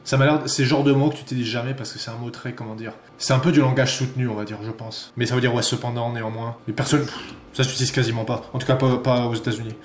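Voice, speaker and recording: A man vlogging in casual chat who gets excitable, swears freely and thinks aloud as he goes. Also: medium pitch, fast talker, a little hiss or hum. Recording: roomy echo.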